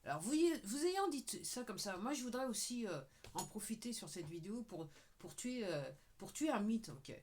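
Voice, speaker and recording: Her voice is a little high and a little mellow, with big pitch swings, normal speed and hardly any pauses. In a casual talking-head monologue, this video creator rambles to her viewers, repeating "ok" and sometimes dropping to a murmur. A little hiss or hum can be heard.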